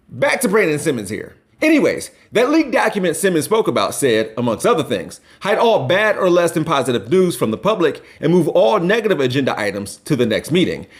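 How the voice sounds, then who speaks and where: Wry, animated man from Ohio. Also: fairly high pitch. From Columbus, Ohio. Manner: wry, sarcastic, animated delivery. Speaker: commentary host. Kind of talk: scripted commentary.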